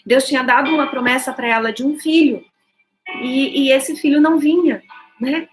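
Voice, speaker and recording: A woman's voice: sits high, moderate pace, soft background music, rough recording. A woman pastor, preaching a sermon in an emphatic, conversational way full of rhetorical questions.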